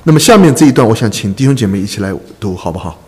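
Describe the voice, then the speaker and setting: A man preaching a sermon to a congregation, earnest, repeating phrases and filling pauses with drawn-out "ah" sounds. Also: lowish voice, expressive, a little mellow. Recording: echoey hall reverb.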